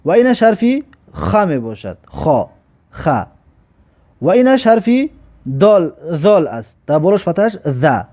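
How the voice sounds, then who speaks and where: Tajik-accented male tutor, higher voice, slow drilled letter lesson, repeats and stretches each syllable, dull lo-fi audio. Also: very animated, mellow. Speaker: Arabic alphabet teacher. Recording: dull lo-fi recording.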